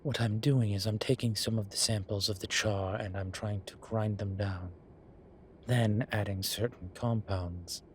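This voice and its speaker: This man's natural, lowish voice stays steady and a little slow as he acts out a vain, suave incubus passing himself off as a posh professor. The scripted audio roleplay carries ambient sound effects and slight background noise, and his wry, self-satisfied drawl turns exasperated and dry here.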